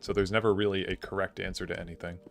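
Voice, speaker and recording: Speaking very fast in a low, creaky, level voice, a young man streams a game live with faint music behind him. He casually answers his chat and talks through his thoughts, filling gaps with "like."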